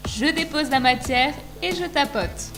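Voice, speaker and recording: A woman from France narrating a makeup tutorial voice-over, steady and explanatory, enthusiastic about the products. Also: high voice, a little slow. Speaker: beauty vlogger. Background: music.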